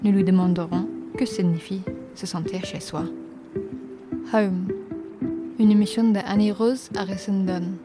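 A woman's voice: medium pitch, fairly even intonation, unhurried. Woman announcing over guitar music. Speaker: show presenter. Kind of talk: scripted radio intro.

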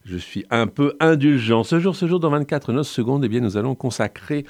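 A man's voice: mid-range voice, lively intonation, moderate pace, darkish tone, no room sound. A man hosting a film music radio show in French, chatty and self-mocking, with scripted presentation broken by asides. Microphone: studio microphone.

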